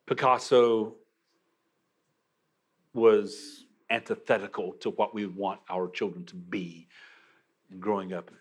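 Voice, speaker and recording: A man's voice: lowish voice, fairly even intonation, slow pace, long pauses, husky. A man preaching a sermon, emphatic, with frequent restarts. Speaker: pastor.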